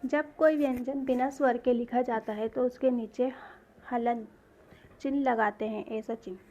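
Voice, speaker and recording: A woman's voice: fairly high pitch, steady tone, a little slow, dark tone, muffled recording. A woman teaching a grade-school grammar lesson, asking questions and answering them herself, spelling out sounds one by one.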